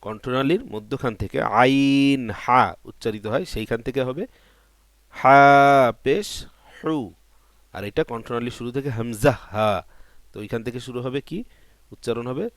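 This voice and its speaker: This patient pronunciation lesson on Quran letters is led by a man who goes through syllables one at a time, repeating and drawing them out, and answers the questions he raises himself. He speaks at normal speed in a mid-range voice, pausing often, with no room sound on the recording.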